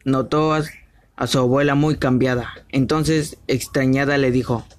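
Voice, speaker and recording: Man, storyteller, fairy tale read aloud, measured, fairly flat pitch.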